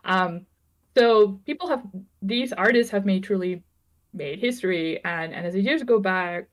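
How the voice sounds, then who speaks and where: A woman's voice: medium pitch, unhurried. A woman in her thirties from Venezuela, a game developer chatting casually on a livestream, laughing often and joking about herself.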